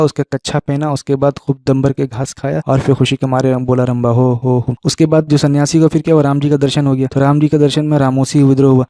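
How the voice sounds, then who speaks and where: A male coaching teacher, teaching history through memory tricks in a rapid question-and-answer manner, repeating key words. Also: mid-range voice, dark tone, no echo, clean studio sound. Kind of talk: mnemonic history lesson.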